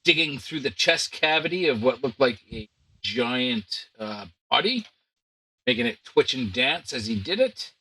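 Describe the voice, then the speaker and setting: A man acting as game master, recapping a tabletop adventure with relaxed, filler-heavy banter. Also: mid-range voice, unhurried, husky, no echo, poor audio.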